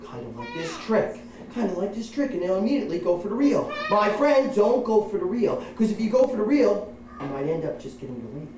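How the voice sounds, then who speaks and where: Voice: medium pitch, expressive, fairly quick, a little mellow. A children's party magician performing live patter for kids, playful and theatrical, with exaggerated exclamations and teasing asides. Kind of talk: live kids' magic show patter with audience call-and-response. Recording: distant, echoey, very noisy live room recording.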